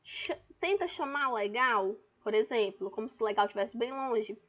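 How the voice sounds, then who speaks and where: A woman's voice: on the high side, expressive, moderate pace, a bit bright. A woman teacher with a Brazilian Portuguese accent gives an online class, explaining patiently and calling out words to stress their syllables. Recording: dull lo-fi recording.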